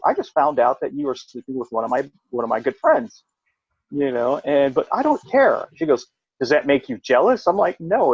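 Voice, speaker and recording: A middle-aged man, a veteran, telling a long personal story in casual chat, rambling and jumping up in pitch when he quotes himself. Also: slightly rough, dry recording, lo-fi sound. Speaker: podcast co-host, veteran.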